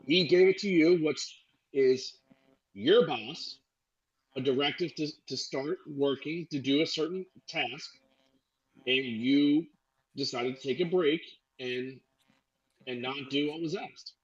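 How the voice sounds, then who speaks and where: A man's voice: on the high side, slow, long pauses, slightly rough, no echo, lo-fi sound. A man co-hosting a casual talk radio show, telling a long story with many restarts and filler sounds. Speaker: podcast co-host.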